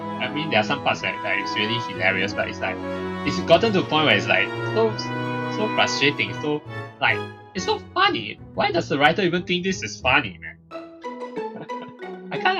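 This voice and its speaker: A man's voice: fairly high pitch, huge pitch swings, moderate pace. A man giving casual, exasperated commentary while playing a visual novel, ranting and laughing. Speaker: let's play host. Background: loud game music.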